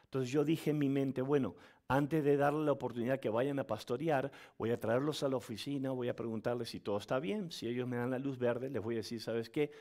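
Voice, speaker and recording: A man preaching as pastor, telling a story with acted-out voices and laughter, in an animated storytelling manner. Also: medium pitch, fairly quick. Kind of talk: sermon.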